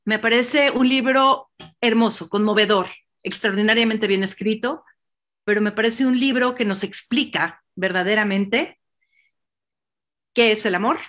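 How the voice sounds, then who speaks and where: A woman's voice: medium pitch, fairly bright tone. A Mexican woman hosting a virtual book presentation, effusive and rambling, with many fillers. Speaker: host.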